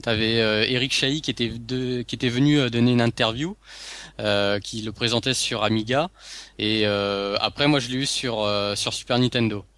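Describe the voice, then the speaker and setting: A man with a smooth, resonant voice recalls his first look at a game on a casual podcast. He speaks quietly and hesitantly, and he is recorded dry. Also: mid-range voice, fairly even intonation, normal speed, dry recording. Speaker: podcast guest. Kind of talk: casual gaming podcast chat.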